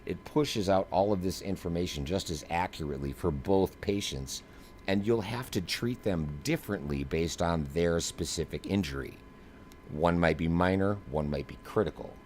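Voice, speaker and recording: Sitting low with a darkish tone, this man's voice narrates a live flight simulator demo in an emphatic, slangy, streamer-like way. The recording carries clear background noise.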